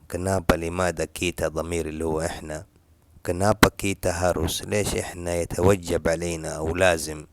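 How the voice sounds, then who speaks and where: A man with a very low, deep voice gives a relaxed spoken language lesson. He explains patiently and says each example phrase several times. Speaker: language teacher.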